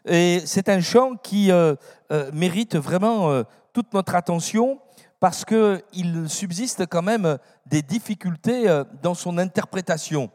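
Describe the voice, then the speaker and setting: A man's voice: high-pitched, takes it slowly, darkish tone. A man preaching a sermon, talking with many fillers and restarts and reading scripture aloud with lifted emphasis in a church hall. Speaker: pastor. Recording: long reverb of a church hall.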